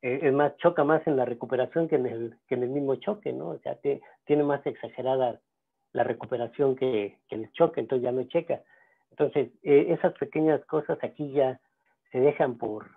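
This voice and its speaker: A man teaching a seminar, talking in a halting way with many fillers and restarts. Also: mid-range voice. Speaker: seminar instructor. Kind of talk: lecturing at a seminar. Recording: gravelly voice on a tinny phone-like line.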